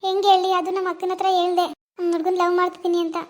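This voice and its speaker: A woman's voice: extremely high pitch, level tone, very fast. [name], a woman playing an anxious girl. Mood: worried. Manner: pleading, worried. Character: young village woman, timid and anxious lover.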